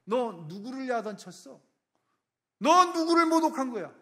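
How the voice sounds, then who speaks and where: A man voicing God as a stern figure who scolds a proud king in blunt, street-tough shouts. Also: very high voice, sing-song, measured pace, voice pushed up, exaggerated voice. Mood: scolding, furious.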